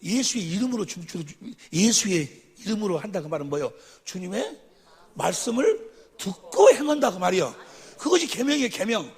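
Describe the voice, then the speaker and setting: High raspy guy preaching at a church seminar, quizzing the crowd, asking for amen every bit, sometimes shouting. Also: very animated, moderate pace. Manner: quizzes the audience with constant questions; calls for amens after each point. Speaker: pastor. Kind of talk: seminar sermon teaching.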